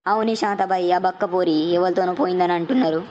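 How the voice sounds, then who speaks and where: A woman voicing a gossiping village neighbor woman, who chatters loudly. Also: lowish voice, fairly even intonation, quick pace, highs cut off, slight background noise, close to an everyday voice. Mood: gossipy. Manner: loud calling, gossipy chatter.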